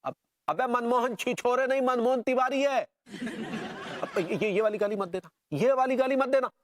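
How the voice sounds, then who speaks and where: A man's voice: very high-pitched, measured pace, slight background noise. An actor playing a flustered middle-aged man who stammers and pleads in a TV sitcom. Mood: grumbling. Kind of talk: TV sitcom acting.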